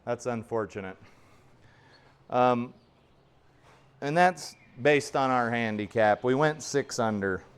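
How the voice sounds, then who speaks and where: A man's voice: medium pitch, slow pace, pauses often, clean tone. A man in his forties giving casual, rambling, self-deprecating commentary while playing in a home golf simulator. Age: 40s. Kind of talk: casual play-along commentary.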